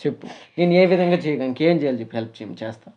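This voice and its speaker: Fast-talking brotherly man. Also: fairly high pitch, animated, highs cut off. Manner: brotherly, firm, scolding then consoling. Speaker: host. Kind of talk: casual chat.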